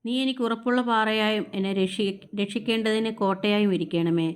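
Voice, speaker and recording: A woman reads scripture aloud, one psalm after another. Her pitch sits in an ordinary middle range, and she keeps an even, measured pace throughout. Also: clean tone. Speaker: scripture reader. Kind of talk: steady Bible reading aloud.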